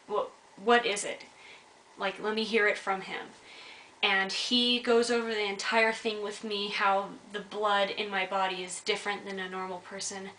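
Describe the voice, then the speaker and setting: Bright-voiced young woman, echoey room. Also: medium pitch, far from the mic. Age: young adult. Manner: earnest, candid, urges viewers directly. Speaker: vlogger. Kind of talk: personal storytelling vlog. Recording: echoey room, mic set back, faint hiss.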